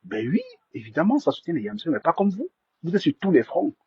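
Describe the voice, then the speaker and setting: A man's voice: on the high side, big pitch swings, fairly quick, slightly rough, lo-fi sound. A man hosting a live stream, stammering and repeating himself as he defends himself to viewers. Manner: indignant, defensive.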